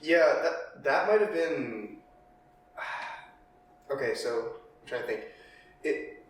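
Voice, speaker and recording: A man's voice: mid-range voice, expressive, slow, slight background noise. Man thinking aloud in a very echoey room. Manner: tentative, thinking aloud, agreeable. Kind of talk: casual chat. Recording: echoey room, distant from mic.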